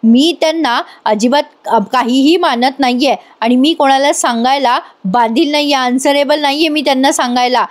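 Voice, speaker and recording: A woman voicing a young married woman who is upset and defiant, speaking in sharp complaining bursts while retelling a TV serial. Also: sits high, moderate pace, few pauses, lightly acted. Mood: angry.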